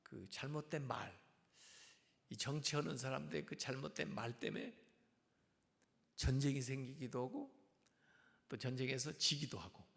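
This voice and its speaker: A male pastor giving a sermon, calmly explaining scripture verse by verse in a teaching tone. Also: mid-range voice, moderate pace, vocal fry, long pauses. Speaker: senior pastor. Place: church sanctuary. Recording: long reverb of a church hall.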